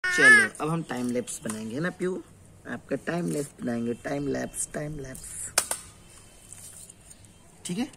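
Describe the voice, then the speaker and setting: A man's voice: on the high side, very animated, normal speed, vocal fry, pauses often, noisy background. A man talking in a casual home vlog on a sunny rooftop, coaxing a toddler in a playful way. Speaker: vlogger. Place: home rooftop in the sun, outdoors.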